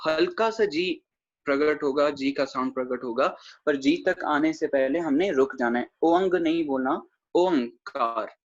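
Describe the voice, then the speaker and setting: A man giving an online lecture on scripture pronunciation, demonstrating sounds slowly syllable by syllable and speaking respectfully to his listeners. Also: on the high side. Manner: slow, careful syllable-by-syllable demonstration; addresses the congregation respectfully. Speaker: Gurbani grammar teacher. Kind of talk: online lecture over a video call. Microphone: video call microphone. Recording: dull lo-fi video call audio.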